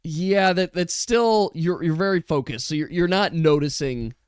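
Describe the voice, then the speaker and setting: A man's voice: fairly high pitch, normal speed, clean tone, no echo, clean studio sound. A man narrating a tabletop game as game master, moving between dramatic storytelling and casual asides.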